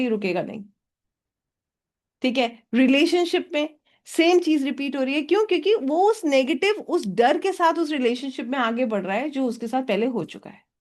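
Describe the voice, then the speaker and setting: A high-pitched woman leads a hypnotherapy workshop in an engaged lecturing tone. She keeps turning to the audience with quick yes-or-no questions and slips English phrases into her explanations. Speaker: hypnotherapy teacher.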